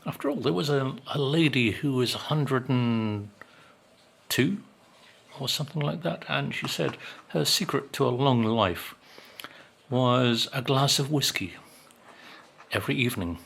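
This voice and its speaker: A man's voice: mid-range voice, measured pace, gravelly, pauses often, fairly bright tone, slightly rough. A man in his sixties chatting casually to camera as a vlogger, rambling and wry with lots of ums. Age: 60s.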